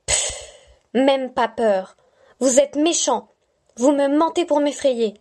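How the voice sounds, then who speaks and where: A high-pitched little girl with a mellow, dark tone, as a woman reader puts her on. She talks back with childish, stubborn defiance. A figure from a read-aloud bedtime story. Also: slow. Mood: defiant.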